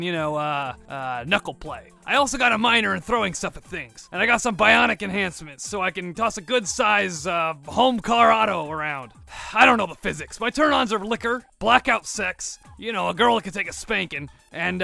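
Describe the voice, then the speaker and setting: A man's voice: sits high, expressive, normal speed, creaky, bright, forceful tone, soft background music, full character voice. A man playing a grizzled, hard-drinking space soldier in a comedy radio play, talking in a swaggering, threatening tough-guy growl. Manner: swaggering, threatening, slurs in filler "uh"s. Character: grizzled boozy brawler space soldier, male, belligerent.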